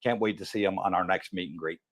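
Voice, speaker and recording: A man's voice: low voice, fast talker, fairly bright tone. A man with missing teeth that give his speech a slight lisp, hosting a casual live chat and chummily addressing viewers. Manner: chummy, greeting viewers by name. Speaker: livestream host.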